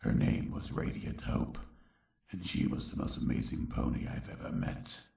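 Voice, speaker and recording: Cavernous gravelly monster king Sombra. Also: lively intonation, dark tone, full character voice. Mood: reflective, grave. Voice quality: very deep gravelly growl. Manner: slow, grave storytelling. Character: menacing adult pony king narrating his own childhood. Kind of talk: scripted comic dub narration. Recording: echoey, distant-sounding voice track.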